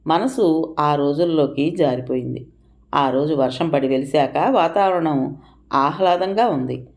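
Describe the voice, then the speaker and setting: A woman narrating an audio story in an expressive manner, lifting her voice for quoted speech. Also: deep voice, measured pace.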